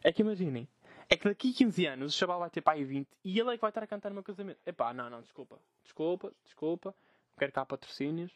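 A man's voice: sits high, animated, quick pace, dry recording. A young man with a Portuguese accent ranting in a casual solo podcast from his bedroom, swearing freely and mocking the people he quotes. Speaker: podcast host.

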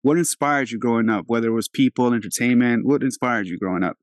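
A man's voice: medium pitch, quick pace, no room sound, clean studio sound. A man from Albania in his thirties, hosting an interview in a laid-back, chatty way. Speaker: podcast host. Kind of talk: casual interview talk.

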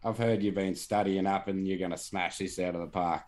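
A man's voice: deep voice, fairly even intonation, brisk, a little mellow. A man hosting a podcast in casual chat, swearing and laughing through banter. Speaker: podcast host.

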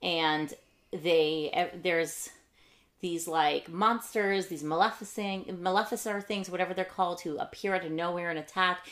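A woman in her thirties co-hosting a casual podcast chat about books, enthusiastic and chatty with quick asides. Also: on the low side, fairly even intonation, fairly bright tone. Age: 30s. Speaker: podcast co-host.

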